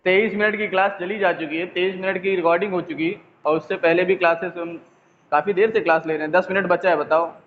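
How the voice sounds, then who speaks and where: A man's voice: high voice, fairly even intonation, fast. A male physics teacher running an online class from his phone, chatting and jokingly scolding students. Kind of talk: online class, casual teasing. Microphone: mobile phone. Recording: echoey, tinny phone line, faint noise.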